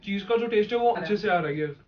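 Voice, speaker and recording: A fairly high-voiced young man speaks through a half-full mouth, loose and easygoing as he chats over snacks. The sound is a little dull, with a faint hiss underneath. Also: quick pace. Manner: relaxed, playful, mixes Hindi and English. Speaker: guest. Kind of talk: casual food tasting chat.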